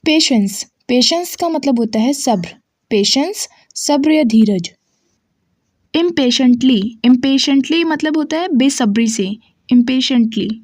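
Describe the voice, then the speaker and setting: A woman teaching English vocabulary, saying each word and its meaning slowly and repeating both. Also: high-pitched, animated, darkish tone, dry recording, studio quality. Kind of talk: slow word-by-word vocabulary drill.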